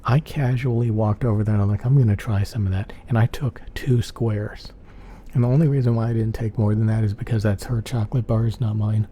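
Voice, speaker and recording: A man with a lowish, very dark and relaxed voice chats casually in ASMR style. He is soft-spoken and tends to repeat himself as he rambles, with clear noise behind him. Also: fairly quick. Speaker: ASMR channel host.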